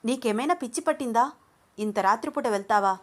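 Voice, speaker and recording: A woman's voice: fairly high pitch, a little fast, pitched above the performer's own voice, natural voice. A woman doing worried friend Junnu. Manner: anxious, pressing questions.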